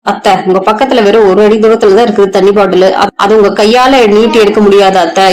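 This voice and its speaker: A woman's voice: medium pitch, fairly even intonation, quick pace, a little mellow, close to an everyday voice. A woman voicing an overworked young daughter-in-law who talks back defiantly and passionately in a storybook retelling. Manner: defiant, impassioned.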